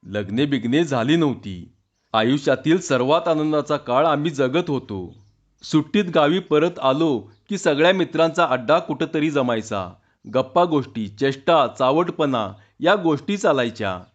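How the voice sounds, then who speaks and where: Male storyteller, measured and even, slightly high voice, dull lo-fi sound. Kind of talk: reading a humorous village story aloud.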